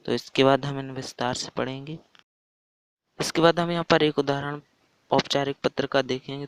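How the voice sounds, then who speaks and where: A male teacher walks through a grammar lesson one step at a time, in a level voice that barely moves in pitch. His tone has a gravelly edge, and the recording sounds dry and close. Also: no echo, poor audio. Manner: plain step-by-step explaining, often starting lines with "so". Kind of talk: explaining a school grammar lesson.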